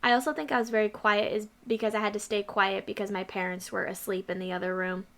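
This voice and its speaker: A woman's voice: medium pitch, fairly even intonation, fast, a bit bright. A woman hosting her own channel, chatting casually and rambling through a list of her past videos with asides. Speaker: channel host.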